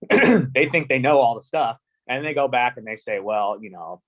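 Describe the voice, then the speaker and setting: A man's voice: medium pitch, expressive, normal speed, a bit bright, no room sound. Man, guest on a video call, conversational, acts out objections, dull muffled audio, dry. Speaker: guest panelist. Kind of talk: casual webinar talk.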